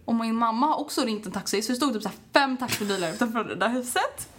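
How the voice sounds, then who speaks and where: A young woman co-hosting a casual chat, telling a story in an animated way, laughing and acting out the voices of other people. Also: fairly high pitch, slight background noise. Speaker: co-host.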